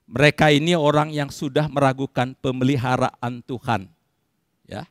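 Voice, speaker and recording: A man preaching a sermon to his congregation, addressing them directly and swinging between loud outbursts and quiet asides. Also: medium pitch, dry recording, clean studio sound. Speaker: pastor. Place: church service.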